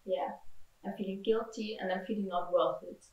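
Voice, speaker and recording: Her medium-pitched voice keeps a fairly even intonation at normal speed, though the audio is dull. She's an Austrian woman at a retreat, giving a candid interview in which she hesitates and leans on fillers while finding her words. The mic is distant and the sound roomy.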